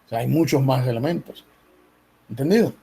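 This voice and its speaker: A man's voice: mid-range voice, fairly quick, gravelly, dark tone, husky. A male professor explaining set theory patiently in an online class, often checking in with his students. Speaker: math professor. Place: video call meeting.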